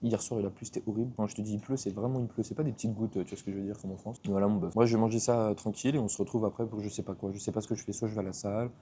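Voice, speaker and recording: A man's voice: on the low side, fairly even intonation, rapid-fire, hardly any pauses, dark tone, slight background noise. A young man chatting casually in a travel vlog, rambling and slangy, filmed on a handheld camera at a hotel. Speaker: vlogger.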